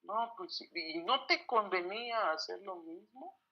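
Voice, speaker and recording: A man's voice: sits high, lively intonation, a little slow, lo-fi sound, pitched above the performer's own voice, full character voice. A man voicing a stern male master who scolds a servant and orders him jailed. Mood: reproachful. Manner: reproachful, commanding.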